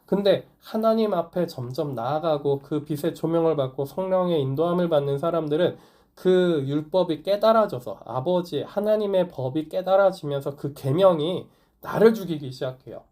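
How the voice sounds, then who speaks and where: A male pastor gives a sermon in a relaxed, conversational way. He often puts questions to his congregation. His voice sits a little high and sounds warm and mellow. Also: moderate pace. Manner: conversational preaching, asks the congregation questions, light laughs. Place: small church or online worship service.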